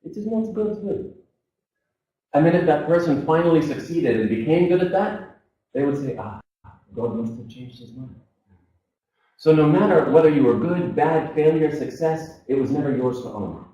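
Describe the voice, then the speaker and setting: Expressive and fairly high-pitched with a dark tone, a man in his thirties delivers a motivational seminar talk at a moderate pace. The dull audio comes from a distant spot in an echoey hall as he tells his life story, voicing the people in it.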